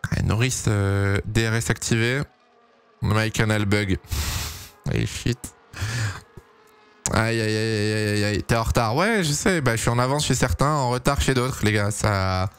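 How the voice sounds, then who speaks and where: Excitable streamer man commentating. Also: mid-range voice, clear, resonant tone. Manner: excitable, pleading, swings to shouting at big moments. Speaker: streamer commenting a race live. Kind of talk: casual live watch-along commentary.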